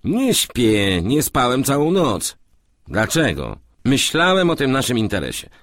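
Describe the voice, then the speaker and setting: A man voicing a grumbling, sleepless young merchant who talks quickly in an audiobook. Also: mid-range voice, huge pitch swings, fairly bright tone, no room sound, studio quality, voice pushed up.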